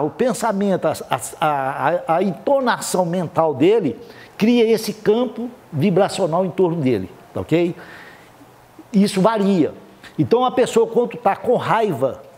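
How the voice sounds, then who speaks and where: A man's voice: high-pitched, a little mellow. A man lecturing a live audience at a spiritist seminar, explaining step by step and checking in with listeners often. He speaks with a Brazilian Portuguese accent.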